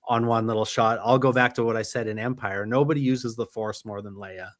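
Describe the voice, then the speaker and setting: A man's voice: on the low side, steady tone, brisk, a bit bright, dry recording, clean studio sound. Enthusiastic man hosting a podcast. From Canada. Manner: enthusiastic fan, long rambling thoughts. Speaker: podcast host. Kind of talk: casual chat.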